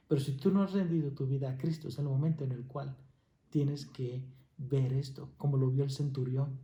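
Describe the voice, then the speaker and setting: Earnest preacher in an echoey room. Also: male voice, medium pitch, dark tone. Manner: slow, earnest, leads a prayer. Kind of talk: devotional sermon and prayer. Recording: echoey room with faint noise.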